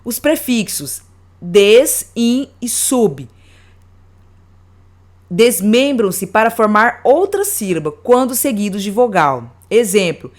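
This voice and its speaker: A woman teaching a grammar lesson, reading out examples slowly and deliberately word by word. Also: a little high, big pitch swings.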